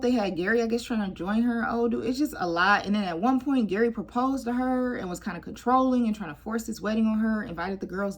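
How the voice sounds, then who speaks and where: A woman casually reviewing a TV show, lively and expressive, dropping into stage whispers for asides. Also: a little high. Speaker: YouTube TV reviewer.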